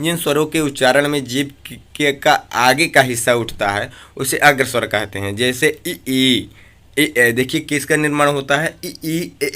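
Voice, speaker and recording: With a mid-range voice and a sharp tone, a man runs an exam-prep grammar drill, repeatedly asking questions and supplying the answers himself. He draws out vowel sounds to demonstrate them.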